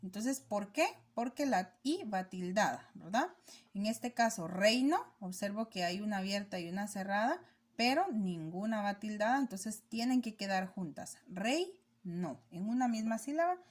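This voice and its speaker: A woman teacher giving a recorded lesson, explaining step by step and often checking understanding with quick rhetorical questions. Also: medium pitch, expressive.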